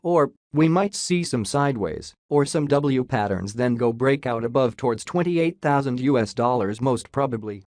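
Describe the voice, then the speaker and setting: A man's voice comes through a robot voice filter, sitting at a middling pitch. He talks casually over a screen share of price charts and drops jokes as he goes. The sound is dry and close, with no room around it. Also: lively intonation, moderate pace, few pauses, a little mellow, no echo. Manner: jokey, says "lol" aloud. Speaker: crypto chart analyst.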